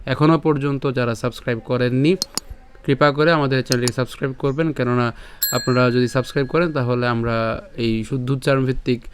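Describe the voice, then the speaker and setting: A man with a Bengali accent teaching Sanskrit verse pronunciation, patiently breaking each line into syllables and repeating it slowly. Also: mid-range voice, fairly even intonation, noisy background. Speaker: Gita recitation teacher. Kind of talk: pronunciation lesson.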